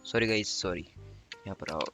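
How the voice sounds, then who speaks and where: A young man with an Indian accent talks through a coding tutorial at his computer, in a fairly low voice. He repeats himself and corrects himself often. Faint music plays underneath. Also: normal speed. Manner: chatty, repeats itself often, self-correcting. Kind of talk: casual screen-recorded coding walkthrough.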